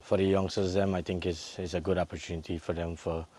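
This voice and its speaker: A man with a Guyanese accent, a former cricketer, answering an interview in a halting way and repeating words often. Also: sits low, flat delivery, dark tone, no echo.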